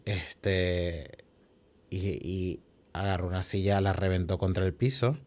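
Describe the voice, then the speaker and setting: A young Venezuelan man with a fairly low voice recounts a hard stretch of his life as a podcast guest. He talks quickly and emotionally, restarting phrases and tossing in tag questions. His Venezuelan Spanish accent is clear throughout. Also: little pitch movement, a little mellow. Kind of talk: telling a personal story in an interview.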